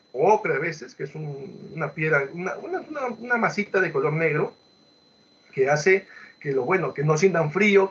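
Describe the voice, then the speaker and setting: A man's voice: high-pitched, fairly bright tone, dull audio. A male literature teacher retelling a folk tale in a lecture, acting out the quoted voices and checking in with short questions. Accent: Peruvian Spanish. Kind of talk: storytelling lecture.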